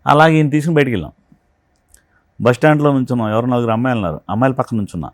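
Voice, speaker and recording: Fast-talking man telling film-set stories. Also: mid-range voice, dry recording, clean studio sound. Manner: animated storyteller who acts out quoted dialogue. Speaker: film artist and art director, interview guest. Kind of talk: anecdotal interview storytelling.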